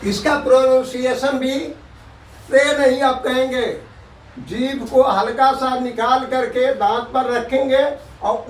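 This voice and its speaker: A man teaching an Urdu alphabet class, drawing out each letter sound and repeating it slowly for his students. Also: extremely high pitch. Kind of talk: slow alphabet lesson. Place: tuition classroom. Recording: echoey room, mic at a distance.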